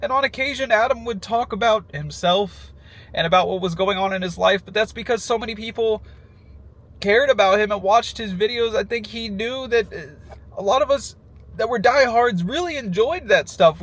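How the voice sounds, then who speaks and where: Man, high-pitched voice, emotional and sad, halting casual monologue, heartfelt farewell tribute. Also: a bit bright. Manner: emotional, halting, with nervous little laughs breaking into phrases.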